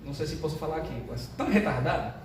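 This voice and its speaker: An older man, a pastor, opening his sermon with jokes in a chatty, animated way. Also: a little high, very fast. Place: church sanctuary. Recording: echoey church hall, distant mic, room noise.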